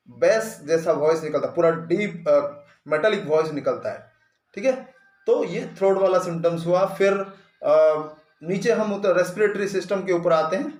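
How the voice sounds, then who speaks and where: A male homeopathy doctor giving a clinical lesson in Hindi, explaining symptoms plainly and mixing in English medical terms. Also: a little high. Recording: echoey room.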